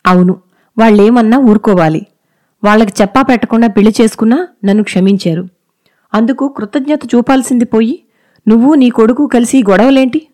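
A woman's voice: on the high side, warm tone, voice pushed up, natural voice. Woman voicing a curt, impatient husband. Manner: brusque, hurried.

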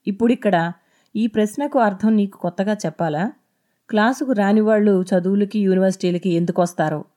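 A man's voice: high voice, brisk, warm tone, natural voice. Woman reading as a stern, irritated male professor. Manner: scolding, serious.

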